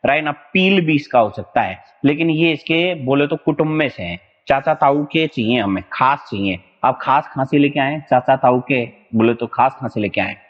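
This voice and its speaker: A young man giving an exam-prep vocabulary lesson at a whiteboard, talking in a loose, joking way with a habit of repeating the same tag phrase. His voice sits at a middle pitch. It rings with a long, hollow echo and comes through a dull, lo-fi recording. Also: lively intonation, moderate pace, few pauses. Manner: casual, repeats "right na" often, jokey memory tricks. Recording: dull, echoey lo-fi classroom recording.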